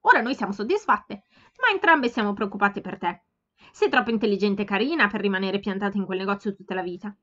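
A woman's voice: mid-range voice, lively intonation, fast, a bit bright. A woman reading aloud and voicing a blunt, outspoken young woman who insistently scolds her older sister, in a slightly dull home recording.

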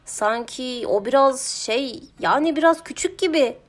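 A woman voicing a patient, sensible male farmer who reasons calmly with a tired edge, in a children's audiobook. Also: sits high, unhurried, faint music behind. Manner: calm, mildly tired reasoning.

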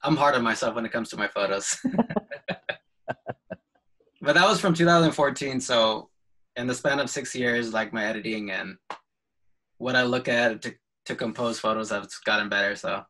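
Guest, male, bright tone, halting and modest, webcam mic at home. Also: fairly low pitch, low-quality recording. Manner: hesitant, full of fillers and restarts, laughs lightly. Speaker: photographer guest. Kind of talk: casual video call chat.

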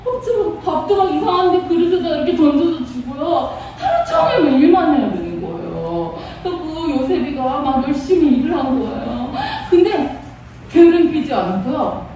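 Animated woman telling a children's sermon. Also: high-pitched, normal speed, muffled recording, a little hiss or hum. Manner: animated, playful, asks children questions. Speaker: kindergarten Sunday school teacher. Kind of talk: storytelling sermon for young children. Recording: echoey room, voice from far off.

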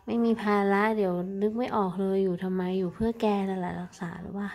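Woman murmuring baby talk to her cat, soft and hushed, middle pitch. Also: steady tone, quick pace. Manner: quiet, gentle, murmuring. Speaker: cat owner vlogger.

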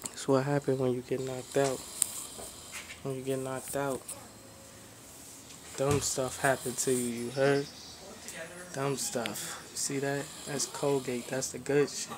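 Man, hushed amused slangy commentary for a home prank video, mid-range voice, loud noise behind. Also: mid-range voice, completely flat delivery, slow pace, long pauses. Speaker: prankster filming a sleeping friend. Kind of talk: hushed casual commentary to camera.

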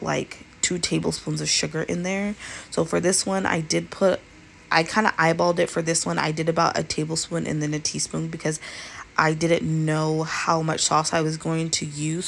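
A woman's voice: on the low side, vocal fry, a little hiss or hum. Chatty woman in her kitchen. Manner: relaxed, chatty, lots of fillers. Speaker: cooking vlogger. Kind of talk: casual cooking narration. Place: home kitchen.

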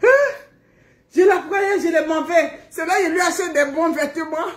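High-voiced woman telling home stories. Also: normal speed, reverberant. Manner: animated, laughing, acting out family quarrels. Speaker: live-stream host. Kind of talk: casual storytelling to viewers. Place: at home, indoors.

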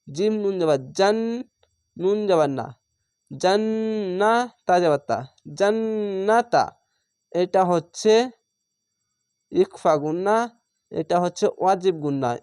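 A man's voice: sits high, a little mellow, smooth, dry recording, clean studio sound. A man teaching Quran recitation, spelling words out syllable by syllable with a Bangladeshi Bengali accent and drawing out the chanted words.

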